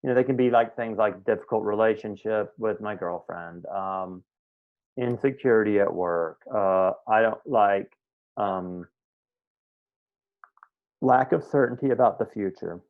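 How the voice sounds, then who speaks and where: A man with a fairly low voice teaches a live online meditation session, taking his time. Heard through a tinny video-call connection, he talks conversationally and checks in often to confirm students understand.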